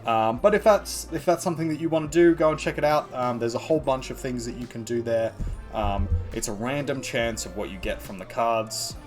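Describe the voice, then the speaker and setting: A man's voice: medium pitch, fairly quick, soft background music. An Australian man chatting casually to his live-stream viewers as an art streamer, rambling with lots of ums and restarts.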